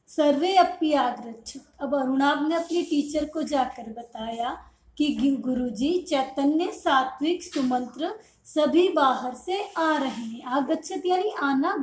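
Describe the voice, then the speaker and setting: A woman teacher with a high voice reads out lines in Sanskrit one at a time. After each line she explains its meaning in Hindi, in a patient, step-by-step classroom manner. Her voice carries a noticeable room echo. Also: takes it slowly, slight background noise. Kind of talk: online Sanskrit lesson, reading and translating into Hindi.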